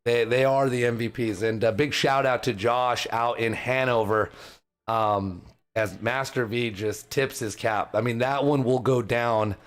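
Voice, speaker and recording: A man casting a school esports match live, shouting the plays and then talking emotionally about his players. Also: medium pitch, measured pace. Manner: excited shouting play-by-play; emotional, rambling heartfelt talk. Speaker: esports caster. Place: lobby, alone.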